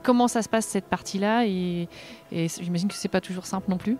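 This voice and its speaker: Quick-talking woman interviewer. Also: medium pitch, darkish tone, faint music behind. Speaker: podcast host.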